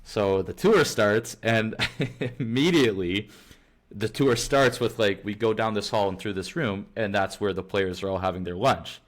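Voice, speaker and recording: A man's voice: on the low side, normal speed. A young man co-hosting a podcast, telling a story in a rambling, casual way full of filler words and restarts. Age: young adult. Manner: rambling, heavy on filler words and self-corrections. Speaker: podcast co-host.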